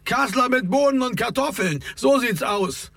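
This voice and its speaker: A man's voice: sits high, lively intonation, fairly quick, creaky, fairly bright tone, no echo, voice pushed up, full character voice. A man voicing a tired, teasing male club organizer who mocks his friend. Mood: mocking. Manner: mocking, calls across the room.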